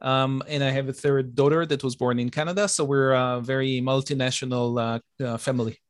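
A man's voice: mid-range voice, fairly quick, dry recording. Middle-aged Israeli-born man, dry sound. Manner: steady, thoughtful, with frequent uh fillers. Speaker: guest author. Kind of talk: interview answers.

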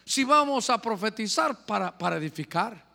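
A man delivers a sermon in a bright, high voice, calling out to his listeners and questioning them. He swings between loud emphasis and hushed asides. The long reverb of a hall carries his voice. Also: expressive, moderate pace, creaky. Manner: addresses listeners as brother, asks questions. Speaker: preacher.

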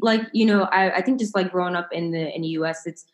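A woman interviewing a guest, speaking haltingly with many restarts and filler words. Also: on the low side, roomy sound. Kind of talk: interview conversation.

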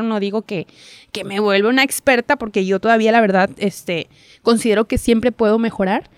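A young woman, telling her story as a guest in a casual interview, chatty and quick to laugh. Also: on the high side, no echo. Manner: chatty storyteller, laughs often, acts out quotes. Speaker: guest, TV reporter.

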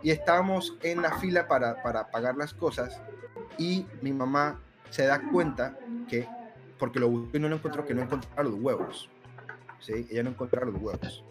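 A man's voice: mid-range voice, moderate pace, music in the background. A young man with a Colombian accent, casually telling a family story and acting out the people he quotes. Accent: Colombian Spanish. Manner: animated, repeats himself, acts out the voices he quotes.

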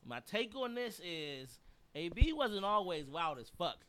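High bright-voiced man, animated sports rant. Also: a little slow. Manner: animated, laughs often, swears freely. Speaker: podcast co-host. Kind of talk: casual sports chat. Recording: radio show studio.

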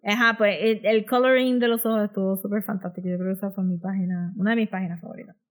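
A woman's voice: medium pitch, fairly even intonation, fast talker. A woman with a Puerto Rican Spanish accent chatting casually as a comics podcast co-host, often slipping English words and phrases into her Spanish. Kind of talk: casual chat.

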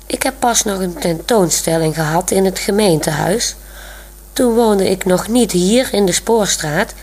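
A woman's voice: mid-range voice, unhurried, a little mellow, husky. A woman voicing a proud, self-assured young woman who explains things plainly, in a radio story reading. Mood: pleased.

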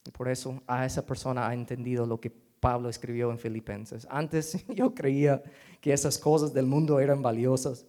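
A man's voice: mid-range voice, flat delivery, moderate pace, dark tone. A man preaching a sermon as pastor, in a conversational way that keeps asking the congregation questions and drops to a whisper for quoted lines.

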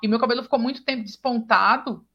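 A Brazilian woman with a slightly high, husky voice talks fast as she hosts a casual chat in Brazilian Portuguese-accented speech. She tells stories animatedly and acts out quoted dialogue, and the recording has a dull lo-fi sound.

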